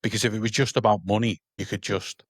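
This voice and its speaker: A man hosting a podcast interview. He talks in a relaxed, conversational way and keeps checking that he is understood. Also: on the low side, fast talker, no room sound, clean studio sound. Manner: conversational, often checks in with listeners. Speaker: podcast host, auctioneer.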